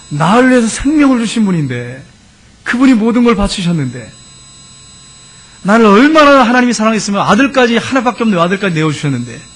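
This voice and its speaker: A man preaching a sermon as a pastor, telling a story to his congregation and slowly reciting love poems with fervor. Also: sits high, slightly rough.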